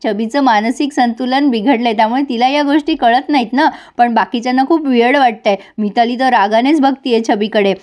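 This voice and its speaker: A woman's voice: fairly high pitch, a little fast, few pauses, a little mellow. A woman retelling a TV serial episode for viewers, speaking to them directly and switching between narration and the characters' lines.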